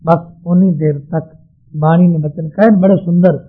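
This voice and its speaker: A man preaching a sermon, explaining scripture verses to a congregation in a slow, measured teaching manner. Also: fairly high pitch, steady tone, husky. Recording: tinny, phone-like sound.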